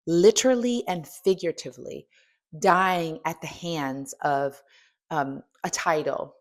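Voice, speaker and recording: In a fairly low, somewhat bright voice, a woman in her fifties who coaches strength and hosts a show delivers an emphatic motivational talk. She keeps asking the listener direct questions.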